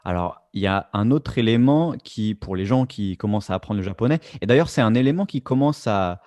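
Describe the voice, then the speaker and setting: Low, mellow-voiced man on a podcast. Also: lively intonation, fairly quick. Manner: reflective, restarts phrases, many fillers. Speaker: podcast co-host. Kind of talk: casual podcast discussion.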